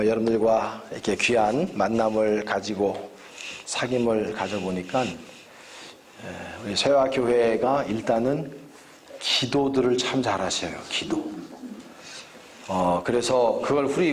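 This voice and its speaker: Man, guest pastor, revival sermon in a church, chatty with the congregation, faint room noise. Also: mid-range voice. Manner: jokes with the congregation, asks them questions. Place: church sanctuary.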